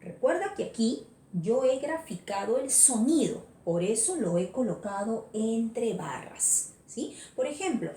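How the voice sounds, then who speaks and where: A woman's voice: on the high side, big pitch swings, a little slow, warm tone, roomy sound. A woman with a Peruvian accent teaching an online class, patient and encouraging, often checking in with her students. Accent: Peruvian Spanish. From Peru. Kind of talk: virtual class lecture.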